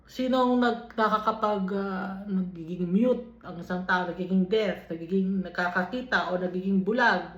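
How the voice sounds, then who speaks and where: A woman with a Filipino accent leading a Bible study, reading verses aloud and then explaining them in an unhurried way, switching between English and Tagalog. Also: medium pitch. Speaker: Bible teacher. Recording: dull, lo-fi recording in an echoey room.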